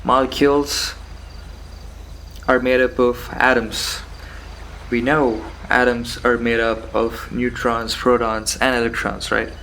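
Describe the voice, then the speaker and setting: A man giving a rambling philosophical monologue, musing haltingly with rhetorical questions and repeated phrases. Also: mid-range voice, flat delivery, fairly bright tone, rough recording. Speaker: solo host of a philosophical talk. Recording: background noise with insect and cricket sounds.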